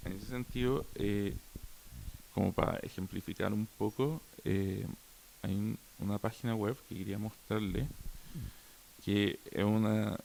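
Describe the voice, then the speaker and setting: Young Chilean man giving a workshop talk, halting and unhurried, deep fry in the voice, light tape hiss. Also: a little mellow. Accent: Chilean Spanish. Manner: hesitant, many fillers and restarts. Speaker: workshop speaker. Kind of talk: hesitant informal talk to an audience. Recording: faint hiss behind the voice.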